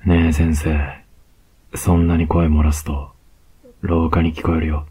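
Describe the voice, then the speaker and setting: A man with a Kansai accent playing a cocky young male student who teases his teacher, in a whispered role-play with a slow, close murmur. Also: very deep voice, flat delivery, breathy edge, exaggerated voice. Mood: teasing. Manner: slow, close, teasing murmur with soft laughs.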